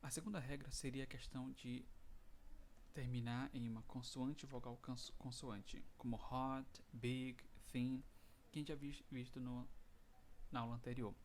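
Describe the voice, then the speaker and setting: A man with a Brazilian Portuguese accent, teaching an English lesson online and reading the English examples out slowly. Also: mid-range voice, little pitch movement, slight background noise.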